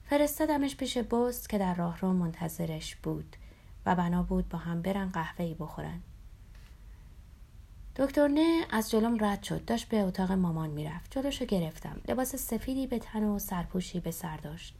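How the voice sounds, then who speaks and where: A woman narrating a memoir aloud in a calm, somber storytelling voice, sometimes dropping to a whisper. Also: medium pitch, vocal fry.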